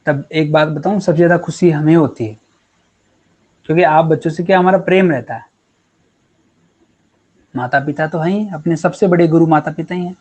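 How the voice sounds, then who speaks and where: A man's voice: a little high, moderate pace, long pauses, a little mellow, lo-fi sound. A man teaching chemistry in a casual online class, chatty and encouraging with his students. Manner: chatty and encouraging, calls students beta and yaar.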